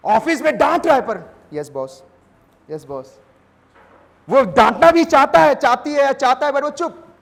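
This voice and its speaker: A male pastor, preaching an animated sermon that mixes Hindi and English and acts out little scenes. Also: very high-pitched, moderate pace, vocal fry. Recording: reverberant hall.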